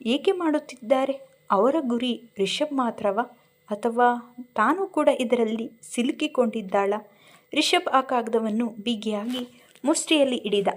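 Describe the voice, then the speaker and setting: A woman narrating a romantic drama story from a script, reading expressively. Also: on the high side.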